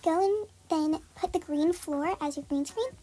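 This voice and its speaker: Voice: a little slow, mellow, soft background music. A tutorial host speaking through a voice changer that disguises their voice, chatty and full of "like" and "um". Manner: chatty, many "like" and "um" fillers. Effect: voice changer disguising the voice, pitched very high. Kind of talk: casual step-by-step tutorial.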